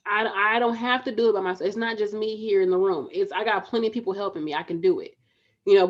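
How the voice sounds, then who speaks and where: A woman's voice: mid-range voice, lo-fi sound. A woman in her thirties giving a casual, motivational talk straight to her viewers, emphatic and repeating lines to urge them on. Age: 30s. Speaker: spiritual vlogger. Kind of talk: motivational direct-to-camera talk.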